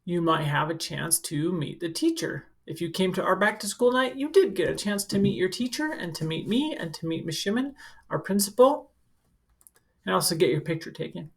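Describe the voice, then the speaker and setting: Speaking at a normal speed, this woman has a fairly low, creaky voice full of animation. She's a school counselor reading a picture book aloud to kids, adding easygoing explanations in simple, instructive words for young children.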